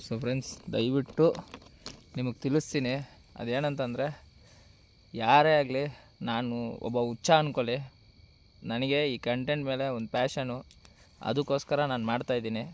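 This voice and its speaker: A man's voice: mid-range voice, steady tone, moderate pace, long pauses. Nervous man ghost hunting in a forest. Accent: Kannada. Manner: alternates hushed asides with loud shouted calls into the dark. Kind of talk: night ghost-hunting vlog. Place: forest at night, outdoors.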